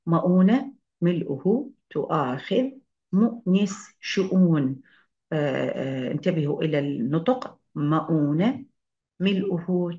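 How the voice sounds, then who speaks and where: A woman's voice: low voice, a little mellow, muffled recording. A woman lecturer explaining spelling rules, reading out example words one by one, with frequent hesitation sounds and self-corrections. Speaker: university lecturer. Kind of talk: online grammar lecture.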